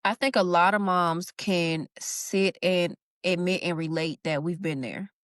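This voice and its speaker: A young woman who is a stay-at-home mom speaks as a podcast guest, earnest and informal, with a Southern touch and "y'all" in a casual, heartfelt talk. Her lowish voice is steady and unhurried, in a clean studio recording free of room sound.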